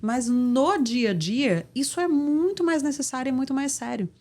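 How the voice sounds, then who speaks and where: A woman's voice: high voice, expressive, normal speed, darkish tone. Assertive Brazilian woman mentor. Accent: Brazilian Portuguese. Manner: assertive, didactic, emphatic delivery. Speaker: guest, communication mentor. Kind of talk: interview, explaining with examples.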